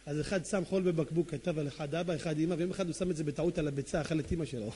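A male preacher with a high voice delivers a sermon. He tells stories theatrically, acting out the scenes with animated energy and joking asides. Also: slight background noise. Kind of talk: sermon with dramatic storytelling.

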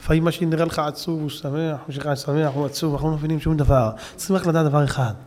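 A man giving a Torah sermon, telling a story with emphatic build-ups and sudden shouting peaks, and addressing the audience directly. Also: a little high, fairly even intonation, long reverb tail, slight background noise. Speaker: rabbi preacher.

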